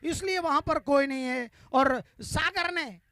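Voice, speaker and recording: Excited high-pitched male cricket commentator, Indian accent. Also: dry recording. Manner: drawn-out emphatic calls on boundaries.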